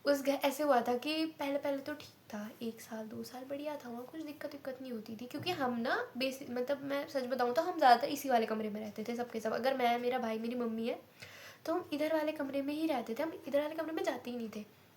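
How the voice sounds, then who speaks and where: A woman's voice: high voice, fairly quick, darkish tone, slight background noise. A young woman telling a personal story in a casual, chatty way, full of fillers and repeats. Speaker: vlogger.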